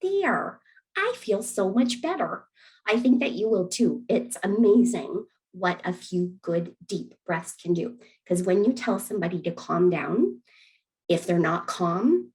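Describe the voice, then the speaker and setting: A woman who facilitates an early years program, gently demonstrating calming breathing techniques with an encouraging manner and easy laughter. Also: on the low side, rough recording. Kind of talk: friendly instructional demonstration.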